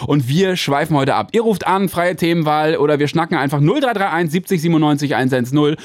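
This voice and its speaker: A man's voice: a little high, fairly quick, no echo. A young man hosting a casual radio call-in show in a studio, joking around and repeating the phone number.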